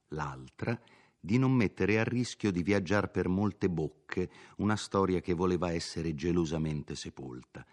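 A man narrating a classic novel in a measured, expressive reading. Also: deep voice. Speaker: audiobook narrator. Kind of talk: scripted literary narration.

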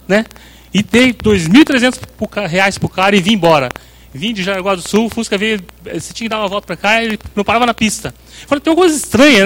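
A middle-aged man from Brazil preaches an informal sermon. His voice sits high for a man. He talks in a chatty, storytelling way and keeps checking in with the congregation. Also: poor audio. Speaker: church leader preaching. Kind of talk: informal sermon with personal stories.

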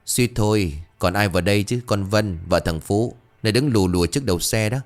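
A man's voice: fairly low pitch, a little fast, soft background music, close to an everyday voice. A man voicing a brash grown son who talks back defiantly and dismissively.

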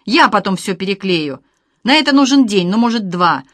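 A weak, fawning husband in an audiobook, played by a woman reader, whiny and pleading, snapping loudly when cornered. The recording is dry, close and free of room echo. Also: lowish voice, animated, brisk. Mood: shouting. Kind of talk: audiobook reading.

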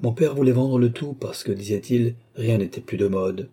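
A man reading an audiobook, voicing a gentle, devoted young noble lady in a softly lifted voice. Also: medium pitch, normal speed, breathy edge, lightly acted. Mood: tender.

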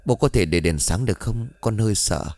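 A sick, frightened young boy in a spoken ghost story, as a man reading it puts him on. He pleads sleepily and plaintively, his voice rising and falling a lot. The voice stays low and close. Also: lively intonation, fairly quick, darkish tone, no room sound, lightly acted.

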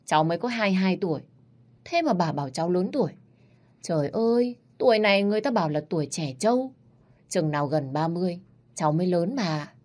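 A woman's voice: lowish voice, animated, brisk, darkish tone, natural voice. A woman voicing a cheeky young woman of twenty-two, playful and wheedling with her grandmother.

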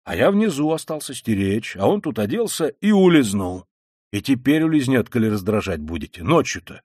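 A man reading an audiobook voices a drunk, excitable young man who shouts and blusters. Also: medium pitch, no echo, clean studio sound, lightly acted.

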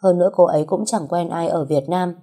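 A woman voicing a sharp-tongued young wife who teases and scolds her husband out of jealousy. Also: on the low side, fairly even intonation, brisk, close to an everyday voice. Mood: teasing. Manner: teasing, scolding.

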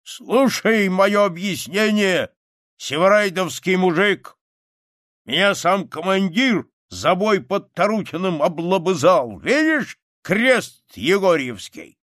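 A man's voice: fairly high pitch, very animated, unhurried, no echo, studio quality, pitched above the performer's own voice, exaggerated voice. A man voicing an old, boastful war-veteran soldier, a dying beggar, in an audiobook reading. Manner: loud, hoarse-edged, boastful shouting.

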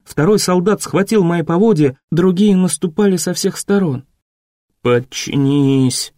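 A man narrating an audiobook in a measured, expressive reading. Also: sits high, no room sound, clean studio sound. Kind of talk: scripted narration.

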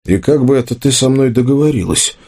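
A man reading an audiobook, voicing a sharp, defiant fifteen-year-old boy. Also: mid-range voice, expressive, brisk, slightly rough, voice pushed up.

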